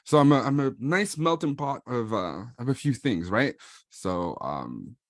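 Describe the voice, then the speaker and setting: He's a man in his thirties with a mid-range voice, speaking slowly but very animatedly in a clean studio recording with no room sound. Born in Paris and raised in Ottawa, he carries a Franco-Ontarian French accent while introducing his music in a relaxed vlog that mixes French and English with easy fillers.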